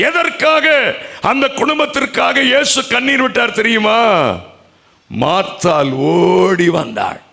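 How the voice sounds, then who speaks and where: A high, gravelly male preacher, delivering an emotional sermon at a church convention. His pitch swings widely and he speaks slowly, his tone bright and forceful. He moves from loud cries to hushed, low phrases. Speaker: pastor.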